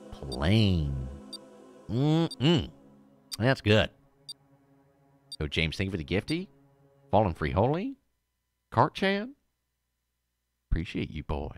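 A man hosting a live stream, chatting to viewers while playing a game. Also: low-pitched. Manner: chatty, thanking and talking to chat while playing. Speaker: streamer host. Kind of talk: live gameplay commentary.

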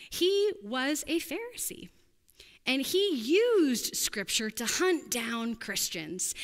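A woman's voice: mid-range voice, in a large hall. A woman pastor giving a sermon in an earnest, conversational preaching manner, addressing listeners as friends.

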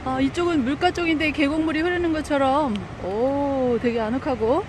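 A woman vlogs while touring a campground, talking in a high-pitched voice at normal speed. Her casual narration is chatty and full of exclamations, recorded outdoors on a phone with clear background noise.

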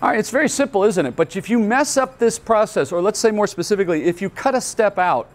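A man's voice: sits high, animated, fast talker. A male pastor giving a Bible teaching at a conference, explaining earnestly step by step and asking rhetorical questions. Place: conference hall.

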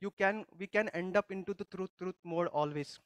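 A man's voice: high voice, moderate pace, clean tone, no room sound. A male pastor giving a conversational sermon, teaching by putting questions to the congregation and often restarting his sentences. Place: church service.

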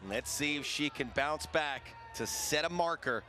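A man's voice: a little high, unhurried, bright, forceful tone, soft background music, a faint crowd. A man giving live play-by-play commentary for a combat sports broadcast.

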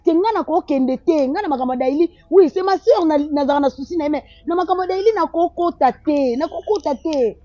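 A woman's voice: sits high, animated, fast talker, warm tone, husky, no room sound. An actress playing a defensive young woman who repeats herself, in a film drama with dull lo-fi sound. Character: defensive young woman avoiding family trouble. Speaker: sister of the bride.

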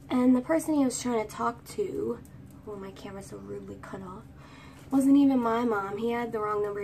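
This vlogger, a woman in her twenties, has a high, girlish, creaky voice and rambles through a chatty storytime while doing her hair, now and then singing snatches of songs. She films on a phone at arm's length in a small room, so the sound is distant, with faint room ambience and slight background noise.

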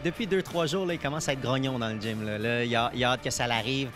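Halting Quebec boxing trainer. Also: male voice, medium pitch, over music. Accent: Quebec French. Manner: halting, many restarts. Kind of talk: casual interview.

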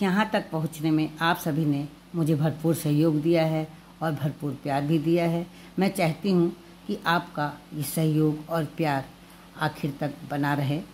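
A woman with a Hindi accent explains a knitting pattern stitch by stitch in a patient, unhurried way. Her voice sits low and warm, never sharp. A faint hiss of background noise stays underneath her words. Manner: calm, patient, repeats each step slowly. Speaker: knitting teacher. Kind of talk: step-by-step knitting tutorial.

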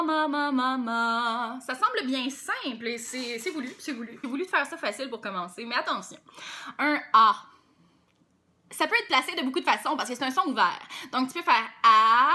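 A young woman with a Québécois accent leads a vocal warm-up lesson. Her voice sits high and bright, and she talks in a playful, animated way while demonstrating sounds. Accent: Québécois French. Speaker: singing teacher.

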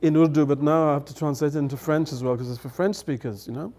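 At a table on a studio set with dark curtains, a middle-aged guest elder who is a native English speaker swaps anecdotes chattily. His mellow voice sits on the high side and moves at a quick pace, with laughter and acted-out quoted lines.

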